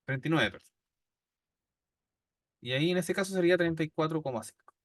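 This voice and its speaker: Brisk and slightly high, this man speaks with a Chilean accent as he teaches statistics. He explains patiently, step by step, and keeps checking in with his class using "¿ya?". The recording is dry and clean, studio-grade.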